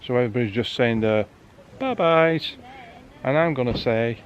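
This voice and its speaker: A man's voice: medium pitch, normal speed, highs cut off, slight background noise. A man hosting, giving a chatty, upbeat sign-off outdoors after rain. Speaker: host. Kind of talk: casual video sign-off.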